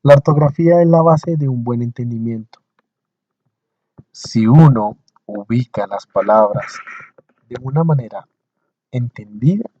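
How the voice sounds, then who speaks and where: A male teacher giving a recorded lecture over slides, explaining in short, slow phrases, repeating points and checking in with his listeners. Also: medium pitch, dark tone, dry recording, dull audio.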